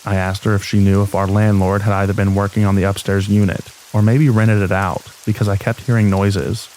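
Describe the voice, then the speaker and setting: Low-voiced man narrating scary stories over rain. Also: fairly quick, slight background noise, low-quality recording. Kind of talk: scripted horror story narration for sleep. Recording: steady rain sound behind voice. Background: rain ambience.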